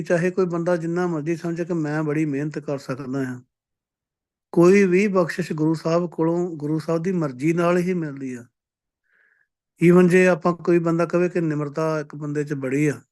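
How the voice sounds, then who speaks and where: Male preacher, somewhat raised pitch; slow chanted verses, brisk plain explanation. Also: darkish tone. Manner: chants verses slowly, then explains in quick plain talk. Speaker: Sikh preacher giving katha. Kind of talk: scripture exposition sermon. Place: based in Canada.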